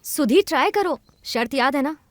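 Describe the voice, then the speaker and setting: A high-voiced encouraging coach. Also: female voice, expressive, moderate pace, no room sound. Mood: teaching. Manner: coaxing, mixes English words. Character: confident young woman speech coach, encouraging. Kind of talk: Hindi film dub.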